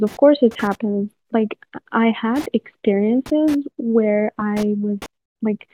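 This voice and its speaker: A young woman talks slowly and hesitantly, filling her speech with "like" in a casual discussion. Her voice is somewhat high. The sound is tinny and dry, like a phone line. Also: dry recording. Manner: hesitant, peppered with "like". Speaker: discussion participant.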